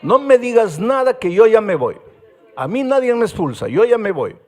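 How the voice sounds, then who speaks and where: A man with a Peruvian Spanish accent voicing a troubled, defiant teenage boy who shouts and then pleads through tears. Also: medium pitch, unhurried, breathy edge, a faint crowd.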